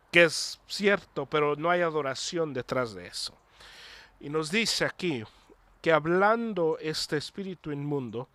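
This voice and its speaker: A man's voice: on the high side, fairly bright tone, dry recording. A man preaching a sermon earnestly, repeating himself and restarting phrases, with an English word slipped in now and then. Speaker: pastor.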